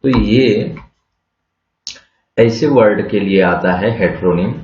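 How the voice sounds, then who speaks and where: An English vocabulary teacher with a fairly low, darkish voice gives a slow, patient lesson, spelling words out letter by letter. He quizzes the class but answers his own questions, and the audio is muffled and lo-fi in an echoey room.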